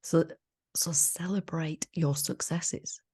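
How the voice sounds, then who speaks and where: Lady cohost, super low gravelly voice, jokey and upbeat. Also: fairly even intonation, slow, darkish tone. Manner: jokey, enthusiastic. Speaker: podcast co-host. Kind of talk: casual chat.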